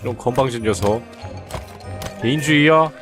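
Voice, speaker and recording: Faint game music plays under a streamer's mid-range voice at a normal pace. He offers relaxed commentary on his own play, talking to viewers and ribbing the characters on screen.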